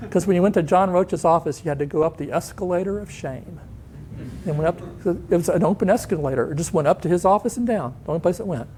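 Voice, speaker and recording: Telling anecdotes in a conference hall, a man in his sixties acts out the voices of people he quotes as part of a storytelling talk. His voice is high-pitched with a darkish tone, and there is slight background noise.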